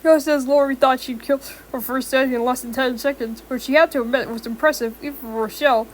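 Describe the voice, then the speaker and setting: A young woman with a sore throat reads a fan-fiction story aloud in a high, steady voice, talking fast. She stumbles often, going back to reread and correct words.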